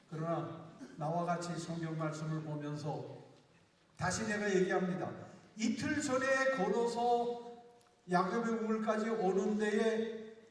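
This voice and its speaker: A male pastor preaching to students, lively and questioning his listeners while acting out the scene. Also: high-pitched. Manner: lively, questions the audience, acts out dialogue. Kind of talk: sermon to students. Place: school chapel or auditorium. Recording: echoey hall, distant mic.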